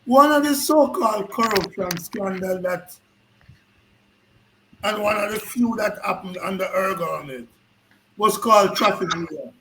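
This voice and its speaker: Man, breaking-up call audio that cuts in and out, high voice, slow deliberate pace, emphatic. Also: expressive, pushed and bright, roomy sound, slight background noise, rough recording. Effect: call audio breaking up and cutting in and out. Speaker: interview guest, former government adviser. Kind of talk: remote call-in discussion.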